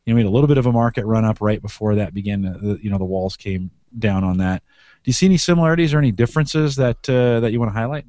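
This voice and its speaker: A man's voice: fairly low pitch, very fast, dark tone, no echo. A man hosting a podcast in a casual, conversational style. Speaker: podcast host.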